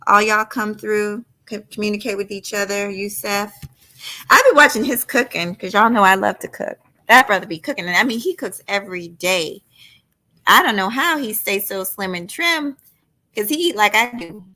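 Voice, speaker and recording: A woman's voice: medium pitch, moderate pace, bright, forceful tone. A middle-aged woman hosting a casual late-night livestream. She talks straight to her viewers, reads their comments aloud and gives firm opinions. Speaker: livestream host.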